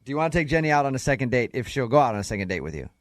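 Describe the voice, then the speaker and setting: A man's voice: mid-range voice, very animated, racing, dry recording. A man in the middle range hosts a morning radio show and teases a caller with wry humor. His voice is close to a studio mic, with a dry, tight sound. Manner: teasing, wry. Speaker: radio host. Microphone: studio microphone.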